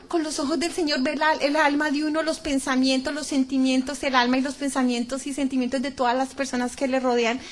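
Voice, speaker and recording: High-voiced fervent woman testifying. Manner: fervent and emphatic, often repeating words. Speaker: speaker giving a religious testimony. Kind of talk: emotional spoken testimony to a church audience.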